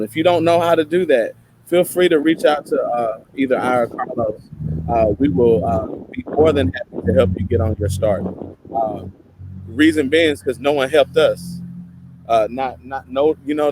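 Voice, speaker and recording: A man's voice: medium pitch, normal speed, a little mellow, a little hiss or hum, rough recording. Man with an East Tennessee Appalachian twang. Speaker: show co-host. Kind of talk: casual, conversational talk show chat.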